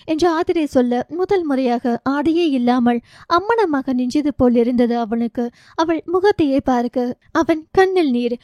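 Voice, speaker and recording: A woman reads a romance novel aloud in an even, emotive storytelling manner. Her voice is high yet soft and mellow. The sound is dry and close. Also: dry recording, highs cut off. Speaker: audiobook narrator. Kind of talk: scripted narration of a romance novel.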